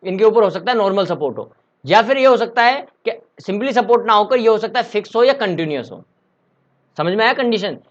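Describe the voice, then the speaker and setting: Male engineering tutor, high-pitched and chatty, laptop mic, lo-fi sound. Quizzes himself as he explains. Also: lively intonation, brisk. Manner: chatty, asks and answers his own questions. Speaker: civil engineering teacher. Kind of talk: casual online lecture. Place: home room during a power cut. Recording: slightly dull lo-fi audio.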